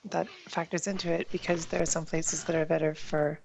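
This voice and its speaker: A woman playing a tabletop role-playing game, halting and trailing off as she talks. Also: low-pitched, little pitch movement, gravelly, darkish tone, slight background noise, low-quality recording. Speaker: player. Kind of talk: casual tabletop game chat.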